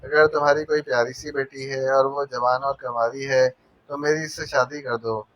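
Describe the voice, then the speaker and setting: A man's voice: medium pitch, fairly even intonation, moderate pace, fairly bright tone, dry recording, natural voice. A man voicing a male spy who mocks his captive with silly, teasing wordplay, in an audio novel. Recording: dull dry narration recording.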